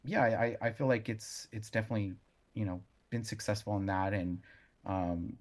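A man being interviewed as a brewer, explaining casually in a halting way as he searches for words. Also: fairly low pitch, darkish tone.

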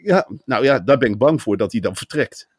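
A man's voice: mid-range voice, animated, fairly quick, breathy edge, dry recording, studio quality. A man, co-hosting a podcast, spinning long mocking comic riffs in casual chat. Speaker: podcast co-host.

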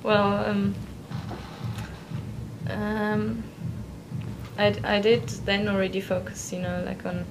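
A woman's voice: medium pitch, little pitch movement, slow, long pauses. A woman from Switzerland, an interview guest, talking in a reflective, hesitant way and laughing often. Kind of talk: casual interview chat. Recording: noisy background.

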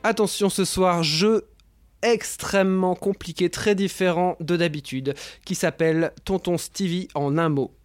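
A man's voice: high-pitched, fairly even intonation, a little slow, no room sound. A man hosting a casual online film roundtable, talking over a video call with many fillers and repeated words. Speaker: host of a film roundtable show.

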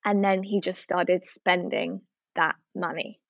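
A woman's voice: lowish voice, slow pace, gravelly, dry recording. A woman telling a story in casual chat, acting out what people said. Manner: animated storytelling, acting out quotes. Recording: dull, dry, slightly lo-fi sound.

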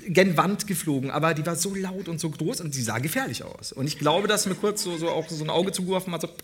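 A man co-hosting a comedy podcast live on stage, telling an animated anecdote with laughter and acted-out voices. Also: a little high, fast talker, slight background noise. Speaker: podcast co-host. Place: on stage before a live audience in a large hall.

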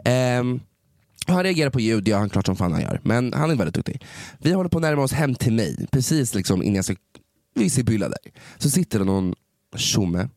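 A man co-hosting a casual chat, telling stories with lively acted-out quotes and frequent swearing. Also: mid-range voice, gravelly, no echo, clean studio sound. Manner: animated, acts out quoted exchanges in a raised voice; sprinkles English phrases and swearing. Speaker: podcast co-host.

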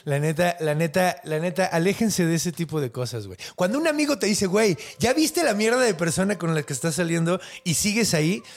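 A man's voice: lively intonation, a little fast, gravelly, hardly any pauses. A man with a Mexican accent telling a folk tale in casual, slang-filled chat, acting out the characters' lines. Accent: Mexican Spanish. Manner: slangy, acts out characters' lines with big pitch swings. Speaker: storyteller host.

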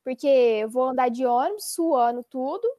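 A woman chatting casually who complains in an expressive, exaggerated way. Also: high voice, moderate pace, no room sound, studio quality. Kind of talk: casual chat.

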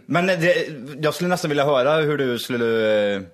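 A man co-hosting a casual podcast chat with crude, jokey banter. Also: on the high side. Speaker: podcast co-host.

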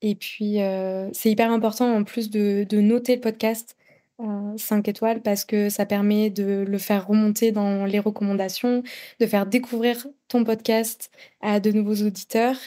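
A woman's voice: mid-range voice, little pitch movement, normal speed, mellow. A woman with a French accent, a podcast guest talking casually, with many fillers and restarts. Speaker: podcast guest, content creator. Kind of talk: casual interview chat.

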